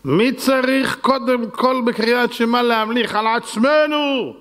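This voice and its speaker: High-voiced rabbi in a reverberant hall. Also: male voice. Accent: Israeli. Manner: acts out dialogue in shifting voices, shouting and laughing. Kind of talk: animated Torah lecture with acted-out story.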